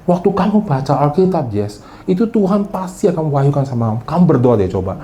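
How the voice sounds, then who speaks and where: A man's voice: a little high, sing-song, fast talker, mellow, a little hiss or hum. A male pastor giving a casual, conversational sermon in a church hall, chatty and teasing, often turning to the congregation and mixing in English phrases.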